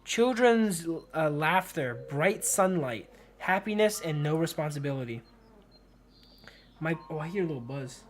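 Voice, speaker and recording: A man live streams casual game commentary, reading story text aloud and chatting in slangy, informal bro-and-dude talk aimed at listeners. His voice is a little high with lively intonation and a measured pace, accompanied by background music and slight background noise.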